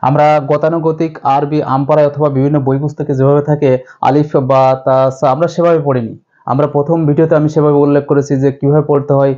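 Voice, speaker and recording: A man teaching a step-by-step recitation lesson to viewers, drilling syllables slowly with much repetition. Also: a little high, dark tone, highs cut off. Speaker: Quran reading teacher.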